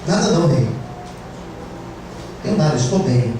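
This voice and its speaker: A man's voice: medium pitch, expressive, normal speed, background noise, lightly acted. A Brazilian man voicing a worried young male servant who insists he is fine. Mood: evasive. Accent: Brazilian Portuguese. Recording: very echoey church hall, distant mic.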